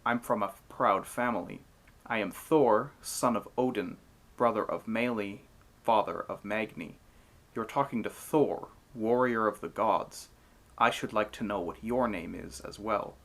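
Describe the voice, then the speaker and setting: A man's voice: lowish voice, unhurried, fairly bright tone. Man acting out proud, hot-tempered warrior god. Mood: boastful. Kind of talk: storybook retelling of a myth.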